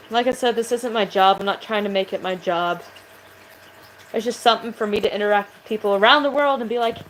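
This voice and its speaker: A woman's voice: medium pitch, a bit bright, slight background noise, low-quality recording. Rambling, profane woman vlogger. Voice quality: sounds aggressive. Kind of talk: casual chat to camera.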